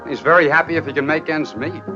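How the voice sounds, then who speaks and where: An actor playing a young soda fountain clerk, sarcastic and wry, in 1950s film acting. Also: male voice, on the high side, fast talker, close to an everyday voice. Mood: doubtful. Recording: dull old film soundtrack with music.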